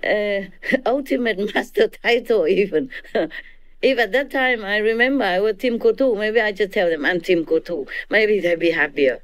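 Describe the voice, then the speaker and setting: In a dry recording, a woman with a Vietnamese accent teaches her disciples informally in a mid-range voice at a moderate pace. She is a spiritual teacher who laughs a lot and keeps checking in with her listeners.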